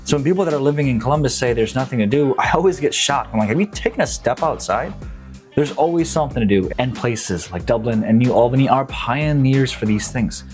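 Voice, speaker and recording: A man's voice: mid-range voice, animated, fairly quick, darkish tone, faint music behind. A young man from Nepal, a real estate agent, talking up local suburbs in a casual, upbeat and slangy promotional vlog.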